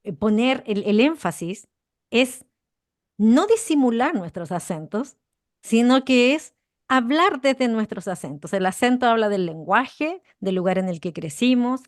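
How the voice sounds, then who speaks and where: A woman co-hosting a podcast, explaining ideas in an animated conversational way and stressing key words. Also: a little high, unhurried, dry recording, clean studio sound. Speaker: podcast co-host.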